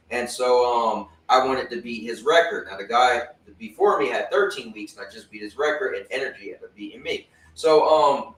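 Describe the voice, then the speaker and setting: A man hosting a casual talk show, telling animated stories and acting out other people's lines. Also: mid-range voice, reverberant, recorded from a distance, poor audio. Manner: animated storyteller, acts out friends' lines. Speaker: host. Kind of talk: casual chat.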